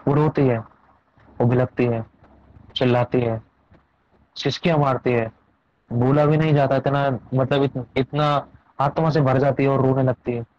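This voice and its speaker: A man's voice: medium pitch, fairly even intonation, measured pace, pauses often, darkish tone. Male pastor telling a sermon story. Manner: emphatic, repetitive preaching. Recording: dull lo-fi dry recording.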